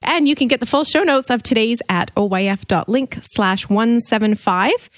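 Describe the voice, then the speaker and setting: A woman's voice: on the high side, moderate pace, no room sound. A woman co-hosting a podcast in casual chat, often affirming with "mm-hmm" and "yeah" and wrapping up the show. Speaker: podcast co-host.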